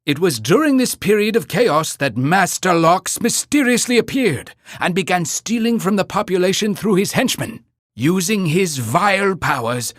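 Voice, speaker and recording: A man's voice: sits high, no room sound, studio quality. A man voicing a pompous, earnest cartoon mayor in a video game, announcing in a grandiose, theatrical way. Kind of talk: scripted video game narration.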